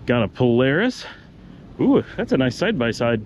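Slight background noise accompanies this middle-aged man's mid-range voice as he leads a casual walking tour at a normal pace. The vlogger stays relaxed, pointing out houses and shops while walking outdoors through neighborhood streets.

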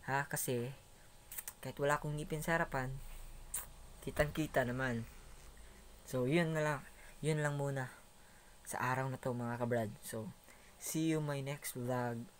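A man's voice: mid-range voice, fairly even intonation, moderate pace, long pauses, a little hiss or hum. A young Filipino man with missing front teeth, chatting casually as a vlogger into a phone held at arm's length in a small room. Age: young adult. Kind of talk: casual vlog chat. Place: small indoor room, plain walls.

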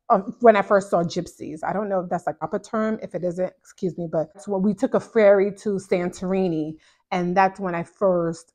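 A chatty woman in her thirties, originally from Ghana, hosts as a therapist and answers viewer questions in a casual Q&A to camera. Her mid-range voice is relaxed and animated, and she gestures a lot while talking. She's recorded close on a lapel mic in a small indoor home office.

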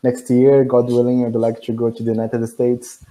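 A young Brazilian man with a warm, relaxed timbre talks on a video call through a headset. His English is careful and a little halting, with a Brazilian Portuguese accent and a friendly, easygoing manner. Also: medium pitch, poor audio. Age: 20s. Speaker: English student. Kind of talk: casual video call chat. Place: indoor room, green backdrop.

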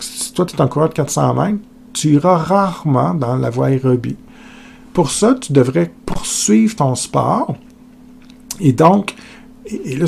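A man's voice: medium pitch, gravelly, darkish tone, a little hiss or hum. A male teacher with a Québécois accent explaining a lesson in a conversational way, speaking to students directly and asking questions aloud. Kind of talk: recorded lecture video.

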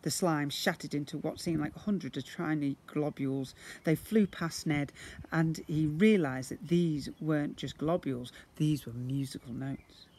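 Outdoors in a brick-walled yard, a middle-aged man with a highish, husky, darkish voice reads a children's story a little slowly, animated like a teacher with young pupils. The handheld recording picks up plenty of outdoor noise.

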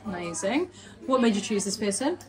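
A woman's voice: medium pitch, sing-song, a little fast, poor audio. A young British woman working as a piercer, reassuring and coaxing a client through a tongue piercing in a studio. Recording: loud music and voices behind. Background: music and chatter.

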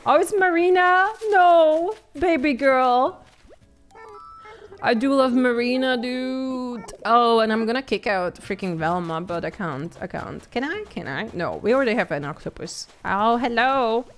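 A woman's voice: fairly high pitch, unhurried, soft background music. A woman streamer chatting with her viewers while she plays, giggling, swearing and easily distracted. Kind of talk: live-stream game commentary.

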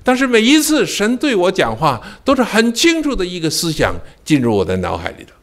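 Preaching a sermon, an older pastor relates a personal story in a high-sitting voice with huge pitch swings, moving fairly quickly. He jumps from loud cries to near-whispers and keeps putting rhetorical questions to the congregation.

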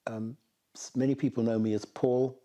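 A man in his sixties from Jamaica recalls his early childhood in an interview, speaking in a measured way with many pauses, seated in a living room. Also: mid-range voice, level tone, dark tone. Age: 60s. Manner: measured, thoughtful, many ums. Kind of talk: reflective interview recollection. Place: bright living room with bookshelves. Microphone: seated on a sofa, filmed from the front.

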